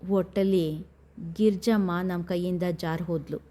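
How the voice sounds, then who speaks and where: Woman doing a scheming gangster brother, menacing, heavy-voiced, low and mellow tone. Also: steady tone, measured pace, natural voice. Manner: threatening, heavy and brooding.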